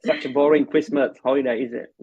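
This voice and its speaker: Speaking fast in a steady, medium-pitched voice that is husky and darkish, a Vietnamese-accented host opens a casual conversational introduction. He lectures in medicine and tutors English, and here he hesitates often with fillers and restarts. The audio is dull but has no echo.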